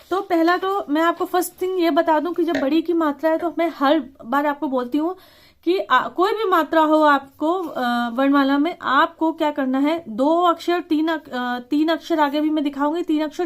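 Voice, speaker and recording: A woman teacher explaining a lesson, reading words out slowly and deliberately and slipping English words into casual talk. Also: sits high. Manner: slow, deliberate word reading with stressed syllables.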